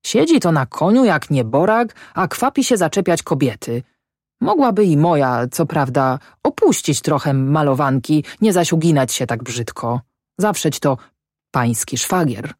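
A woman voicing an excitable middle-aged male peasant farmer who speaks in rustic dialect, grumbling and shouting at times. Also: low voice, a little slow, no echo, studio quality, exaggerated voice. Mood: jealous grumbling.

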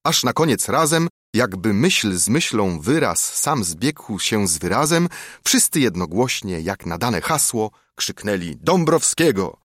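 A man reciting an epic verse poem with dramatic, expressive delivery. His fairly low voice moves in lively swings of pitch. The recording is dry and close, with no room sound. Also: measured pace, dry recording. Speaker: narrator.

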